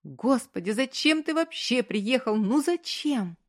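A woman's voice: medium pitch, normal speed, darkish tone, voice pushed up, natural voice. A woman reading an audiobook, voicing a hurt, defiant young woman who pleads through tears in a raised voice. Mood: tearful.

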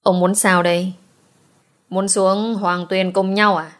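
A woman's voice: medium pitch, a little fast, natural voice. A woman reading the part of a defiant young man who coldly stands up to his father in an audiobook. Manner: calm, cutting.

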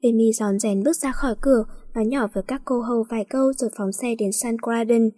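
Brief: woman story narrator, mellow and husky, even delivery. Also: a little high, quick pace. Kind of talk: storybook reading.

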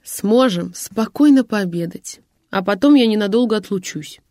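Woman reading a curt bossy guy, clipped dry answers, mid pitch, dead dry sound. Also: animated, normal speed, dark tone, no room sound, natural voice. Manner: terse, dry, clipped replies. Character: curt, commanding man of means.

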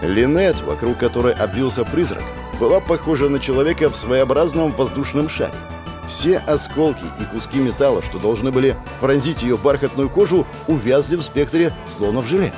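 Male narrator, dramatic first-person fantasy, lively pitch, dry close mic, faint music. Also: brisk. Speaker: audiobook narrator.

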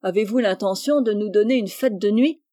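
A woman's voice: medium pitch, a little fast, dark tone, no echo, clean studio sound, natural voice. A woman voicing a curious boy cousin asking wry questions.

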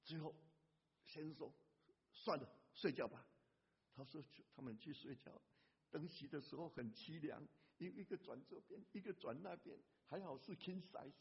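A man pastor preaching a sermon in an animated way, breaking into a hymn at times. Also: on the high side, moderate pace, creaky, slightly rough. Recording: lo-fi church hall reverb.

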